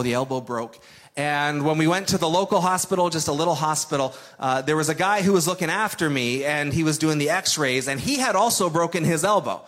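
A man's voice: on the high side, fairly bright tone. A man preaching a sermon in a conversational, emphatic way, repeating key phrases for weight. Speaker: pastor.

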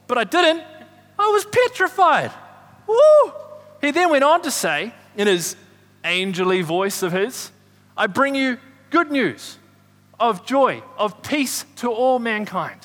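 A man acting as an excitable, chatty shepherd who tells a rambling story with loud whoops. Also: extremely high pitch, full character voice. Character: excitable chatty male shepherd, middle-aged. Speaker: shepherd character in a church Christmas play. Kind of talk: comic stage acting. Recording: echoey hall reverb.

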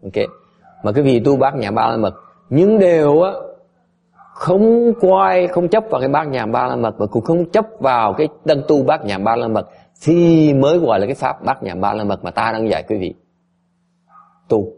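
A man's voice: medium pitch, very animated, normal speed, dark tone. A man, a Buddhist teacher, giving a slide-based dharma lecture, switching between English and Vietnamese and often pressing his listeners to check they understand. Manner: emphatic, often asks "is it clear?".

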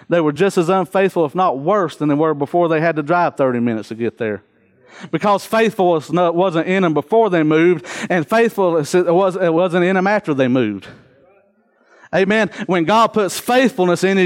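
High-pitched man preaching an earnest sermon. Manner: earnest, exhorting, with repeated phrases for emphasis.

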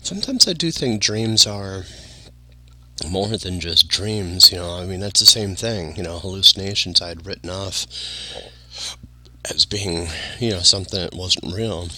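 Tired, rambling man with a low, bright voice. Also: measured pace. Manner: meandering, many fillers and restarts. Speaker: vlogger. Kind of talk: casual rambling monologue.

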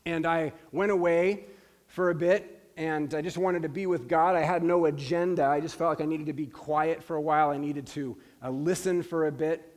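Earnest high-voiced man in his forties preaching. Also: fairly even intonation, normal speed. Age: 40s. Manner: earnest, emphatic preaching with repeated phrases. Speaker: pastor. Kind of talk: sermon.

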